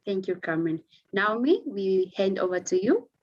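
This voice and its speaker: A woman's voice: medium pitch, sing-song, normal speed, muffled recording. Polite woman moderating an online panel. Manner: polite, formal turn-giving.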